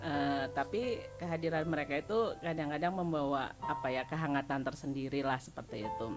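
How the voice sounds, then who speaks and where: A woman's voice: low voice, a little fast, over music. A chatty middle-aged woman giving a personal testimony at a church service, laughing often and filling her talk with small tags. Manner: chatty, laughs often while telling stories; many fillers like "gitu ya".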